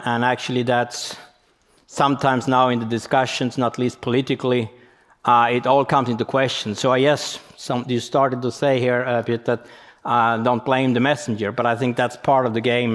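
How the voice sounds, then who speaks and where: A man's voice: medium pitch, flat delivery, moderate pace. A man from Sweden, giving a conference presentation and explaining things as he thinks aloud. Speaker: conference speaker. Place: conference venue hall. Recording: long hall reverb.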